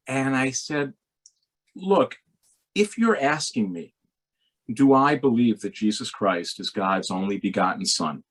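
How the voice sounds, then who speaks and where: Man, rabbi, storytelling talk, husky voice, lively pitch. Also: a little slow. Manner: animated, expressive storyteller. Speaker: rabbi and speaker.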